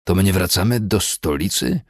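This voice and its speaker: A man's voice: deep voice, animated, moderate pace, no room sound, clean studio sound. A man voicing a weary, hesitant, good-natured cavalry lieutenant who speaks breathlessly and pleads with his commander. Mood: hesitant pleading.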